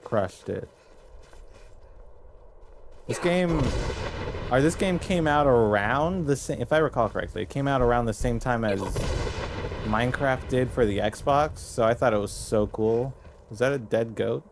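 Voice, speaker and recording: A man's voice: medium pitch, normal speed, background noise. A man streaming a video game and chatting casually to his viewers. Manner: chatty, talks to chat and the game. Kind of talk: casual gameplay commentary. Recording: game music behind.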